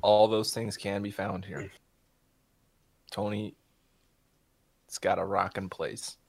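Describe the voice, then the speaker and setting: A man's voice: fairly low pitch, level tone, slow pace, creaky, full character voice. A man voicing a simple-minded, friendly young man in a tabletop game, easygoing and chatty.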